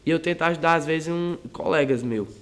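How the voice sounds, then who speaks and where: Teenage high school student, hesitant. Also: male voice, fairly quick. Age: teens. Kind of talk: interview answers.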